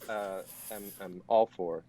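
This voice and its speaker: A man's voice: low-pitched, fairly even intonation, slow pace, crowd noise. A young man co-hosting a casual podcast, spinning a long mock-serious sarcastic bit and breaking into laughs. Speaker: podcast co-host.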